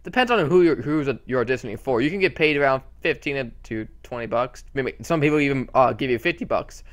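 This is a young man with a mid-range voice and a brisk pace, the host of a channel, casually narrating a screen-recorded tutorial. Excitable and prone to rambling, he self-corrects along the way.

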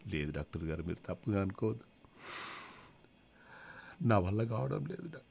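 A man voicing a suspicious middle-aged wife who talks softly and hesitantly. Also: fairly low pitch, big pitch swings, normal speed, vocal fry, husky, full character voice. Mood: hesitant wary.

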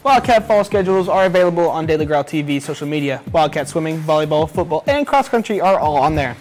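A man's voice: fairly high pitch, expressive, fast talker. Casting: teenage male student news anchor, casual and folksy, school announcements over light music. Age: teens. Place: small school video studio, seated at desk.

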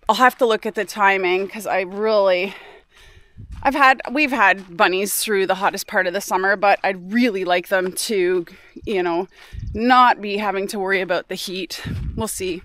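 A woman vlogging casually on her homestead, explaining her rabbit care as she goes and dropping to a soft hush near the animals. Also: mid-range voice, a little slow, pauses often. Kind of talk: casual vlog chat.

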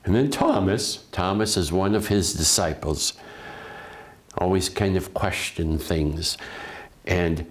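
A man speaking as a priest at a funeral, giving a gentle, reflective homily with some restarts. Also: low voice, slow.

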